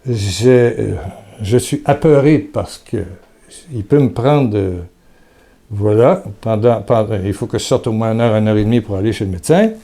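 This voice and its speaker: Mellow-voiced man giving a hesitant devotional talk. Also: fairly low pitch, normal speed. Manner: hesitant, repeats words, speaks intimately to the listener.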